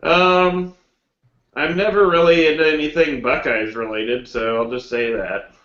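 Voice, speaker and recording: A low-key man giving short, understated answers in a casual podcast chat. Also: steady tone, measured pace, fairly bright tone, reverberant, dull audio. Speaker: podcast guest.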